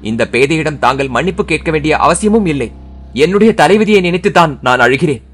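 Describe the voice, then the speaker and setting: A man's voice: a little high, expressive, brisk, breathy edge, faint music behind. A man voicing a young princess, fearful and tearful, speaking in a sorrowful pleading way in an audiobook.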